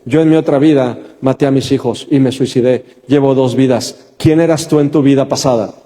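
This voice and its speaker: Mexican pastor putting on an eerie woman passenger, quiet, mellow. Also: medium pitch, steady tone, a little fast, close to an everyday voice. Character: strange woman passenger claiming past lives. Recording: long reverb of a large church.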